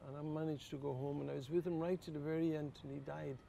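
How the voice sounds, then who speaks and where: An older Irish priest with a deeply gravelly, fry-laden voice tells personal stories in an interview. He speaks earnestly and quietly, with a faint hiss of room noise behind him. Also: fast. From Ireland. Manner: earnest, quietly emotional, rises to lively laughter. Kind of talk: reflective personal storytelling in an interview.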